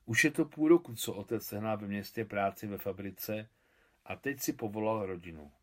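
A man reads a novel aloud in a measured, expressive way. His voice sits fairly low, and his delivery is a calm literary reading. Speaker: translator reading his translation.

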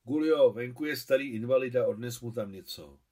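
A man reading an audiobook, voicing a gruff, uneasy middle-aged father who speaks curtly. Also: medium pitch, darkish tone, lightly acted.

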